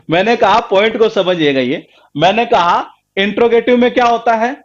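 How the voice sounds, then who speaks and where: A man's voice: high voice, normal speed, lo-fi sound. A man teaching a grammar class, emphatic and repetitive, quizzing his students again and again. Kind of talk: live online class lecture.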